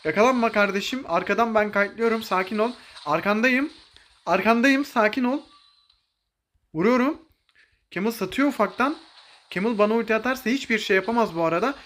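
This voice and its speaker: Excitable young man commentating gameplay. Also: high-pitched, fairly quick, a little hiss or hum. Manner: excitable, jokey, bursts of English exclamations; calls out orders to teammates. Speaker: mobile game streamer.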